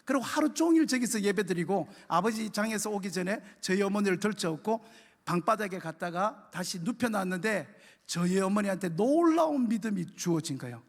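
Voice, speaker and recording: A man's voice: sits high, a little fast, long reverb tail. A male pastor, telling a story in a sermon and acting out the dialogue. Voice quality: animated storytelling with acted dialogue. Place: church.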